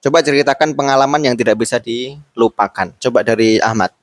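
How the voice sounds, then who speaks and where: A man's voice: mid-range voice, steady tone, brisk, no echo. A young man from Boyolali hosting a casual interview with his classmates, playful and jokey, with Javanese words mixed in. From Boyolali, Central Java. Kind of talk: casual school interview chat.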